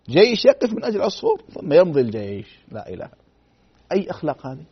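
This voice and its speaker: A man with a high voice lectures at a rapid clip, telling religious stories with drama. He drops to a near hush, then swells loud again, and keeps asking his audience rhetorical questions. The sound is dull and lo-fi, like an old broadcast. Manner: dramatic, swings between loud emphasis and hushed tones, rhetorical questions.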